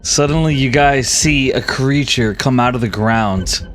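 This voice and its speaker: A man's voice: medium pitch, a little slow. A man working as game master, improvising narration for a tabletop role-playing game. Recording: faint music behind the voice.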